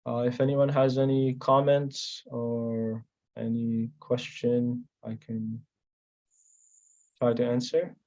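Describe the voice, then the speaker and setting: A man giving a spiritual class who opens it to questions, speaking softly and humbly. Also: mid-range voice, flat delivery, slow pace, muffled recording.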